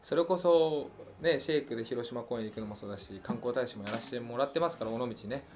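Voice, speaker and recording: A man's voice: medium pitch, quick pace. A young man from Hiroshima with a Hiroshima accent, a singer hosting a fan livestream and chatting casually as he answers listener questions, musing aloud with frequent fillers. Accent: Hiroshima Japanese. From Hiroshima, Japan. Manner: relaxed and chatty, muses aloud with many fillers.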